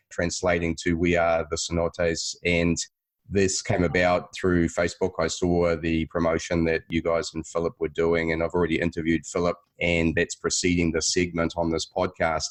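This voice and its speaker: A man hosting a podcast, chatting in a friendly, upbeat way with his guests. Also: sits low. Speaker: podcast host. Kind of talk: casual interview chat.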